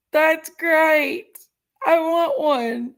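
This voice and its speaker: Speaking extremely slowly in a high-sitting voice, this livestream host in her 40s reads out viewer comments and chats casually, frank and giggly.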